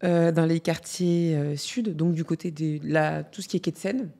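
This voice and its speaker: A woman in her twenties from France, a podcast guest telling her story in a lively, laughing way. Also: deep voice, normal speed. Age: 20s. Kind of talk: casual interview chat.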